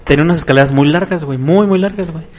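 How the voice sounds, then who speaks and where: A young man with a Mexican accent, telling a story as a podcast co-host in slangy, animated chat. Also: a little high, racing, a little hiss or hum. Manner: slangy, animated, laughs often, acts out voices in his story.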